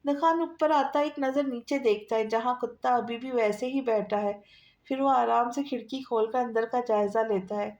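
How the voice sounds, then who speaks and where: A woman narrating a romance novel aloud in a steady storytelling manner. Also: a little high, dull audio. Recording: echoey room.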